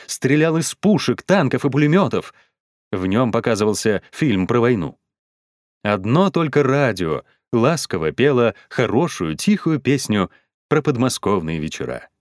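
A man reading a children's story aloud in an expressive, animated way. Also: mid-range voice, moderate pace, no room sound, studio quality. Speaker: narrator.

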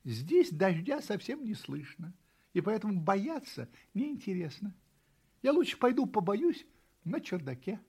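A man voicing a curious young male kitten in a storybook reading, high and childlike. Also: big pitch swings, a little slow, darkish tone, breathy edge, full character voice. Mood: thoughtful.

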